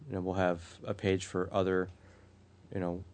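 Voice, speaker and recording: Very deep-voiced man joking dryly. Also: flat delivery, moderate pace, darkish tone. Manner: hesitant with fillers, dry jokes. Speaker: podcast co-host. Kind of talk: casual chat.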